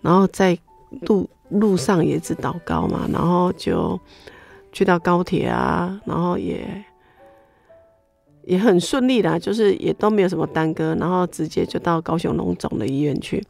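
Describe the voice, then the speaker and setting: With soft music in the background, a middle-aged woman with a Taiwanese Mandarin accent speaks at a moderate pace in a fairly low, gravelly voice. She's an interview guest telling her personal faith testimony, animated and full of exclamations.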